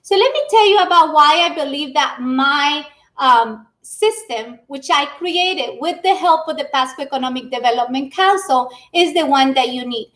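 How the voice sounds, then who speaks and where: A middle-aged woman from Ecuador giving an energetic business presentation on a livestream, greeting the audience warmly. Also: high voice, moderate pace. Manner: energetic, warm greetings to the audience, spoken with restarts. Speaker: public speaker. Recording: echoey room.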